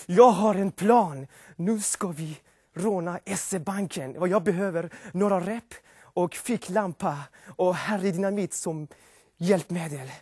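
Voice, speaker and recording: A man's voice: high-pitched, dark tone, husky, no room sound, clean studio sound. A man impersonating a scheming, bossy gang leader who pompously announces his plans.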